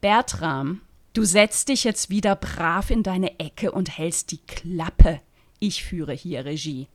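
A woman's voice: lowish voice, slow pace. Bettina is a dry, commanding theatre director who keeps her actors in line. She speaks firmly in a voice close to the reader's own, as a woman puts her on.

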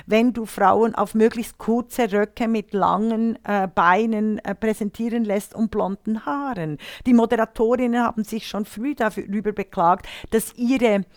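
A woman co-hosting an opinionated discussion, speaking emphatically and haltingly, repeating phrases for stress. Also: mid-range voice, fairly even intonation, no echo, clean studio sound. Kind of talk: opinionated discussion of film and media politics.

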